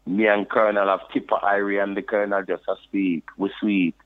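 This podcast guest, a reggae deejay from the UK, talks briskly in a fairly low voice with little pitch movement. His accent is London Jamaican patois, and he narrates his story casually, often saying "you know," on a tinny phone line.

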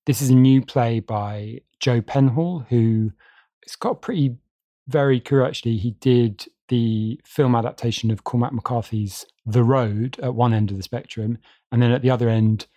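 A man co-hosts a culture podcast in relaxed conversation. His voice is mellow and dark, at a middle pitch. He talks haltingly, restarting phrases and slipping in dry asides, recorded close and dry. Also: no room sound. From England. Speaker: podcast co-host. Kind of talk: casual chat.

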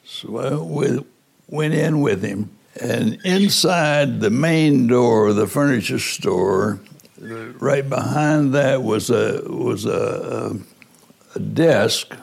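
An older man, a former prosecutor, recounting past events slowly and deliberately in an interview, often pausing to find his words. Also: mid-range voice, creaky, husky. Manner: slow, deliberate, searching for words.

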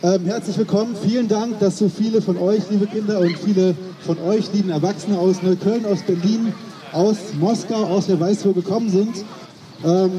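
A woman's voice: mid-range voice, dark tone. A woman giving an informal public welcome speech as an event organiser. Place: outdoor urban square, heard from some distance. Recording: distant microphone, muffled outdoor pickup.

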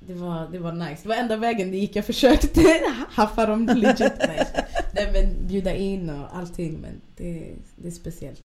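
A woman's voice: medium pitch, few pauses. A woman guest on a podcast, telling a story in casual chat and acting out what people said, laughing often. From Ethiopia. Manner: animated storyteller, acts out quotes, laughs often.

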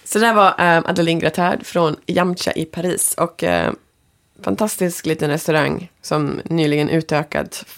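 A woman's voice: low voice, steady tone, moderate pace. A woman who is a native Swedish speaker, hosting a podcast in a casual, conversational interviewing style.

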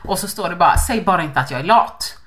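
A woman co-hosting a podcast in casual chat, telling stories animatedly and acting out quotes. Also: on the low side. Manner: animated storytelling, acts out quotes. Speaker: podcast co-host.

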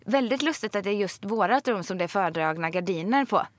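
A woman's voice: medium pitch, dry recording. Chatty woman telling a story in a dry studio. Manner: lively storytelling with quoted retorts. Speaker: podcast co-host. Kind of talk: casual chat. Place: podcast studio.

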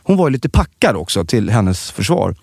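Male podcast co-host, animated storyteller, lively pitch, dry close sound. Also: vocal fry, slightly rough, no echo. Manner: animated storytelling, many restarts. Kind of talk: casual chat.

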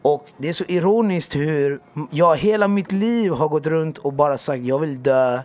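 A man in his thirties, a podcast guest, talking frankly and casually in a slangy way about his past. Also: a little high. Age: 30s. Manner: slangy, frank, animated retelling. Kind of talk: casual candid storytelling.

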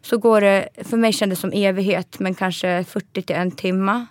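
A woman's voice: medium pitch, fairly even intonation, no echo. A woman, a podcast guest, telling a personal story with emotion, acting out the voices of the people she quotes and laughing often.

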